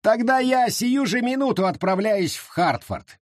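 A man voicing a smug, scheming male settler who speaks loudly and mockingly. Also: very high-pitched, lively intonation, measured pace, no echo, clean studio sound, voice pushed up.

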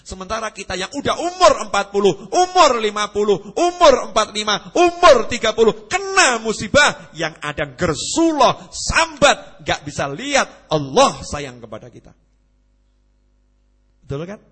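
A man giving a conversational sermon, swinging between loud emphatic lines and hushed ones. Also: high voice, sing-song, a little slow, slightly rough. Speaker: preacher.

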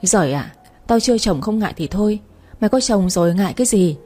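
A woman's voice: mid-range voice, expressive, quick pace, dark tone, soft background music, close to an everyday voice. A woman voicing a crude, bossy young woman friend in a storybook reading. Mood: brash scolding.

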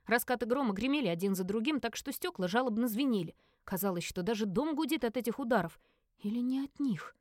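Woman reading an audiobook, kinda high voice, super dry close sound, acts out all the characters. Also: fast, no room sound. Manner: lively acted reading, voices each character briefly. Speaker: audiobook narrator.

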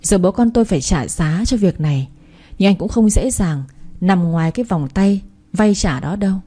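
A stern, angry older father-in-law from a storybook, voiced by a woman narrator. He scolds harshly in a mellow, warm voice that stays close to the reader's own. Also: mid-range voice, animated, normal speed, natural voice. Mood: scolding.

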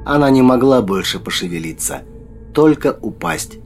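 A man narrating a dark fantasy audiobook in a measured storytelling manner, with faint music behind him. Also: mid-range voice, expressive.

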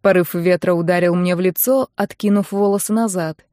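A woman narrating a first-person audiobook in a calm, intimate storytelling manner. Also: lowish voice, a little fast, dry recording, clean studio sound.

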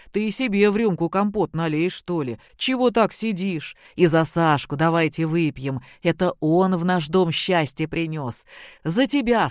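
A reader doing a gruff older village father. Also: mid-range voice, dry recording, studio quality, natural voice. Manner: hearty, blunt.

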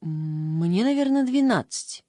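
A woman voicing a tearful, excitable younger sister turned into a twelve-year-old girl in an audiobook. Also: takes it slowly, dry recording, clean studio sound. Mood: anxious. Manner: excitable, tearful, shrill when upset. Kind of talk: audiobook character voice.

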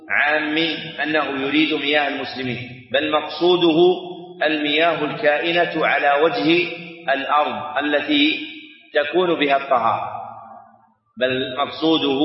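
A middle-aged man teaching a classical Arabic lesson, who dictates in a measured, chanted cadence and repeats each phrase for note-taking. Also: fairly high pitch. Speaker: Islamic scholar teaching a text. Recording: roomy hall reverb, distant dull mic.

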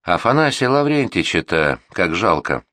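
A male audiobook reader voicing a gruff, blunt male servant who grumbles and mutters. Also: deep voice, sing-song, moderate pace, sharp tone, no room sound, studio quality, exaggerated voice. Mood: grumbling.

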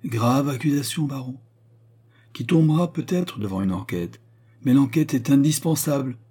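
A man's voice: mid-range voice, normal speed, dark tone, breathy edge, voice pushed up, close to an everyday voice. A man reading a grave, deferential minister. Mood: insistent. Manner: solemn, respectful, insistent. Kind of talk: audiobook character reading.

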